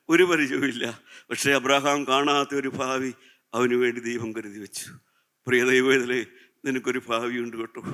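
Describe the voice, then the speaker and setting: A man's voice: mid-range voice, pushed and bright, clear, resonant tone. A man preaching a sermon who repeats his phrases and puts rhetorical questions to the congregation, calling them God's children. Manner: addresses listeners as God's children.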